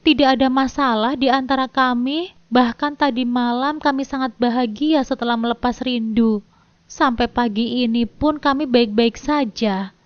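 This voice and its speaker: A woman narrating a first-person story in a steady, emotional way. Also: on the high side, no room sound. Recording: dull dry lo-fi recording.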